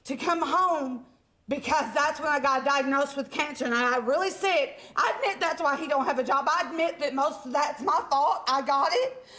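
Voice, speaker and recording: A woman with a very high voice argues her side in a television courtroom. She is blunt and bossy, quick to defend herself, and speaks off the cuff as a litigant. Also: bright, forceful tone. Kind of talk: unscripted courtroom argument. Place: TV courtroom studio.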